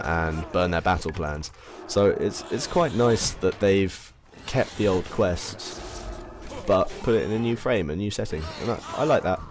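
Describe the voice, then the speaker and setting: A man's voice: deep voice, a little hiss or hum. A man with an English accent giving casual, rambling commentary while playing a video game, often correcting himself. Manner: rambling, self-correcting, chatty. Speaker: let's play commentator.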